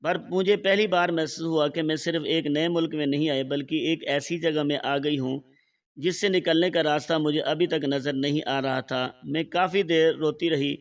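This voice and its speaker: A man narrating a scripted first-person story in a steady, measured reading voice. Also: fairly high pitch. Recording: voice slightly far from the mic.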